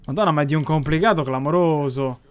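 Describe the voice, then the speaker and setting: A young man with a high voice, chattering through a gameplay session at his desk mic. He swears freely, taunts the characters on screen and jumps to shouting when things go wrong. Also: quick pace, clean tone. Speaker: gaming channel host. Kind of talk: casual gameplay commentary.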